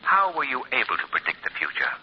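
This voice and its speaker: An actor playing the Shadow, an invisible and commanding male crime fighter, who questions in a calm, insistent, husky voice on a muffled 1940 radio broadcast. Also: mid-range voice, fast talker, full character voice. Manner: calm, insistent, lively interrogating delivery.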